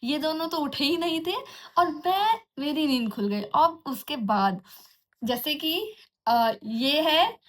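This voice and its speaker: A woman's voice: sits high, lively intonation, takes it slowly. A young woman vlogger casually telling a horror story from her own life. She talks in a chatty way, restarts often and mimics eerie sounds like jingling anklets and giggles. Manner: chatty, restarts often, mixes in English words.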